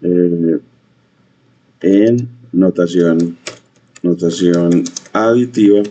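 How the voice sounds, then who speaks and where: A man teaching a coding lesson, talking in a halting way with many fillers and repeated phrases. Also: low voice, warm tone, slightly rough. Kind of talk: screen-share coding lesson. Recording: dull lo-fi mic.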